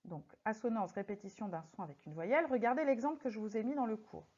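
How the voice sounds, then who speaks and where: A French teacher with a fairly high, darkish voice corrects exercises in a recorded lesson, pausing to tap out syllables one at a time. Her slow, deliberate speech makes each word stand out. The audio is slightly muffled, dull and lo-fi.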